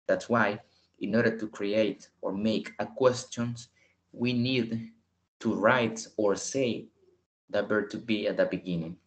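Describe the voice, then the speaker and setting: A man teaching an online English lesson, explaining slowly in English and repeating the points in Spanish over a video call. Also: fairly low pitch, fairly even intonation.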